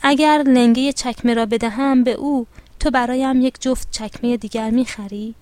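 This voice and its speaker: Woman voicing an excited young girl in a storybook, high and insistent. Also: dry recording, lightly acted. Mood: pleading. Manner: pleading, excited questions. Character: young girl, eager and persistent.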